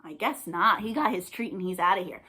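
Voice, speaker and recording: Here the storytime host speaks on the low side, fairly quickly, in a pushed, bright tone. She's a children's librarian doing an interactive read-aloud and singalong, encouraging and playful, and she keeps asking the kids questions.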